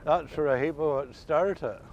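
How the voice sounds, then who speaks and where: A rather high, slightly slow male voice with a darkish tone comes through dull audio with a little hiss or hum. He's an older Ulster Scots speaker, casually interviewed and recounting old rural days in rich, folksy dialect.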